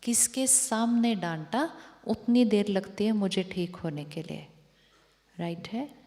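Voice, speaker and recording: A woman's voice: medium pitch, slow pace, mellow. A woman giving a spiritual discourse to an audience as a teacher, repeating rhetorical questions to them. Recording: long hall reverb.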